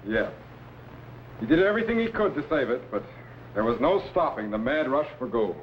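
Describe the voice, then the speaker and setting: An actor playing a calm, commanding time-traveling scientist captain in a 1950s science fiction serial, speaking with measured authority. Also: male voice, mid-range voice, a little hiss or hum, natural voice. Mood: measured, reflective. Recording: dull, muffled vintage serial soundtrack.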